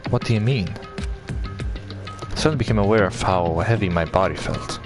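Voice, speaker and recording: A man with a fairly low but lively voice reads game dialogue aloud, laughing and restarting as he goes. His mouth is dry, and game music plays clearly behind him. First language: Swedish. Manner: laughing, self-correcting. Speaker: gaming YouTuber. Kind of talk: let's play, reading game dialogue aloud.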